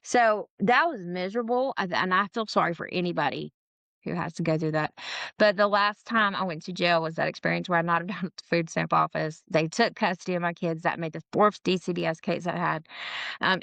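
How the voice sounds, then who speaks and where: A woman's voice: on the low side, vocal fry, fairly bright tone, dry recording. A woman in her forties, an interview guest, telling her own story in a frank, casual way, laughing often and swearing freely. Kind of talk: candid personal storytelling.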